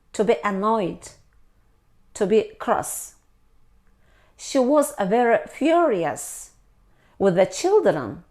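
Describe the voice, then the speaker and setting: A woman teaching English, reading short example sentences in a careful, deliberate way. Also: a little high, a little mellow. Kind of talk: slow scripted lesson reading example sentences.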